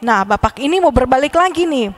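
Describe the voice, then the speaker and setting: A woman Sunday school teacher telling a story to children, lively and speaking to them directly. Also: high voice, a little fast. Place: church hall. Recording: echoey hall.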